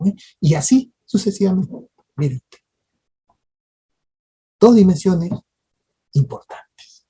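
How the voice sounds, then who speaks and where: With a dark, husky, medium-pitched voice, a lecturer addresses an audience at a parliamentary training workshop. The talk relies on tag questions aimed at listeners, and it's marked by hesitant restarts and repeated words.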